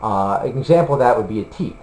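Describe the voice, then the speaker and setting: A man's voice: fairly low pitch, lively intonation, fast talker, darkish tone. A man video blogging for a combat sports site, talking casually to the camera in a rambling, hesitant way with lots of fillers. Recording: roomy room with faint hum.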